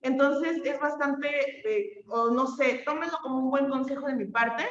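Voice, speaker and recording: A woman's voice: high-pitched, moderate pace, echoey room, highs cut off. A woman with a Mexican Spanish accent teaching an online class in a chatty way, often checking in with her students. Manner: chatty, checks in with frequent questions.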